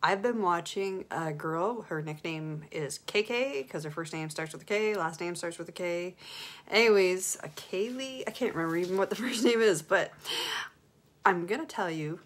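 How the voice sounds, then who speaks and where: A middle-aged woman hosting a casual live stream from her phone, excited and upbeat, rambling with fillers. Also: lowish voice, moderate pace. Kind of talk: casual Facebook live chat.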